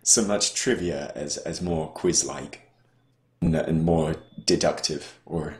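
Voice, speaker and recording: A man's voice: extremely low pitch, slow, darkish tone. A man co-hosting a casual podcast chat, rambling and hesitant, often restarting his sentences. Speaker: podcast co-host. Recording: roomy echo.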